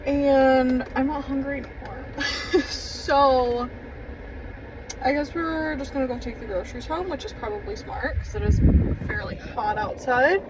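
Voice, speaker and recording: A woman's voice: high voice, a little slow. A young woman talking casually to her phone camera in a vlog, rambling along with lots of fillers. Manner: chatty, rambling with many fillers. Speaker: vlogger. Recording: noisy, with vehicle sounds.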